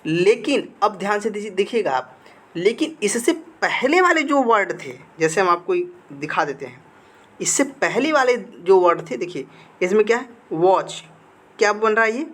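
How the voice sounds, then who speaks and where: A man's voice: sits high, very animated, normal speed, a bit bright. A male grammar teacher giving a slide lesson. He keeps asking the students questions and answers them himself, repeating key words. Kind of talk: classroom-style lesson with slides.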